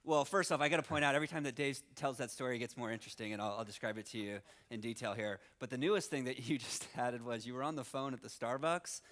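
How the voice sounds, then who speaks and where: A man's voice: mid-range voice, fairly even intonation, fast talker, hardly any pauses, fairly bright tone. A man co-presenting at a live seminar, teasing his partner with joking banter on stage.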